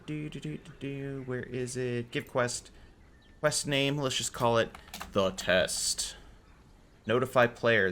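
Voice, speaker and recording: A man hosting a casual game server tutorial, relaxed and correcting his own slips as he goes. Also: mid-range voice, slight background noise. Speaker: game modding tutorial host. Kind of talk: casual screen-recorded tutorial.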